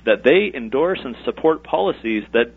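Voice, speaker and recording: A man's voice: mid-range voice, animated, moderate pace, vocal fry, husky, narrow, tinny audio. Lecturing man over thin radio audio. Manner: articulate, lecturing. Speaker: author and radio guest. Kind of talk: political talk radio discussion.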